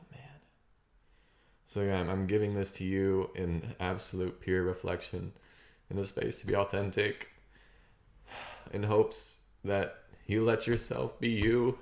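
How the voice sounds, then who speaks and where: A man talking through his feelings in a rambling, halting, reflective monologue, clearing his throat often and swearing casually. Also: lowish voice, sharp tone, echoey room. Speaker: vlogger. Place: outdoors on a property.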